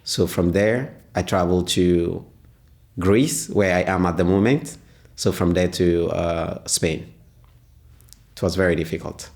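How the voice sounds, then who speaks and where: A man, answering interview questions as a father, pausing often and searching for words. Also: low voice, steady tone, a little mellow. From Ghana. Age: 20s. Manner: hesitant, pauses often with "uh".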